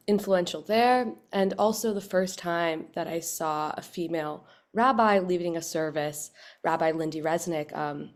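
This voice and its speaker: A woman's voice: mid-range voice, a little mellow. A young woman from Southern California, a rabbinical student on a panel, tells her personal story in a personal way with light humor. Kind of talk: panel talk.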